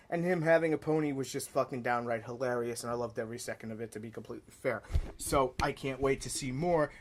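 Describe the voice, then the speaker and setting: A young man from New York giving a casual, excitable film review, blunt and swearing freely. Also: medium pitch. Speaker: movie reviewer.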